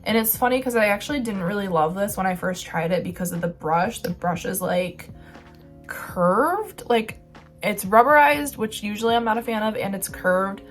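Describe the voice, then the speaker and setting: A woman's voice: mid-range voice, a little fast, hardly any pauses, faint music behind. A young woman vlogger chatting casually about beauty products, rambling with lots of filler words.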